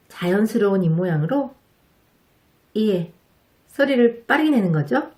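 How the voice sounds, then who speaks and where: A woman teaching English pronunciation to Korean speakers, explaining politely and patiently and modeling each sound slowly and clearly. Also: mid-range voice, darkish tone. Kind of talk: slow, careful instructional narration.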